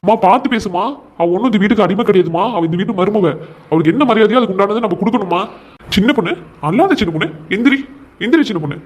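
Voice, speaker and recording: A man's voice: high voice, animated, fast talker. A man voicing a young cartoon husband who firmly stands up for his wife against his mother. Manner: firm, pleading, reasoning. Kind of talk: comic cartoon voice acting.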